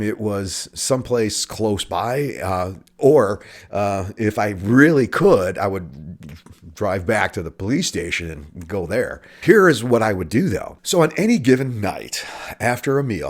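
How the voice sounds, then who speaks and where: A man telling a comic personal story in a halting, hesitant way, often repeating words. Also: on the low side. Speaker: storyteller, former police officer. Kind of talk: comedic personal storytelling monologue.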